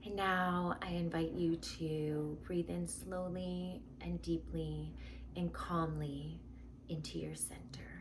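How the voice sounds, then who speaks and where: Female meditation guide, soft spa-style half-whisper, lowish and very unhurried, noticeable background noise. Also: level tone. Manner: slow, gentle delivery with long pauses.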